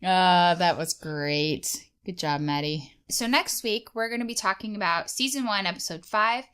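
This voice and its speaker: Female co-host, clear and rounded tone, relaxed filler-heavy banter. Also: lowish voice, moderate pace. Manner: chatty, many "like" fillers. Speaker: podcast co-host. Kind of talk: casual chat.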